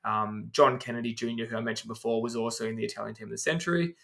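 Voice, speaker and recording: A podcast co-host talks rapid-fire in a mid-range, slightly bright, creaky voice with fairly even intonation. He explains things at length and runs through lists of names, saying "um" a lot.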